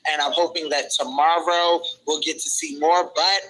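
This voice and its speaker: A man stopping by a live stream as a guest writer, giving quick, witty opinions and plugging himself. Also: a little high, level tone, pushed and bright, poor audio. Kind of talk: casual on-the-street interview.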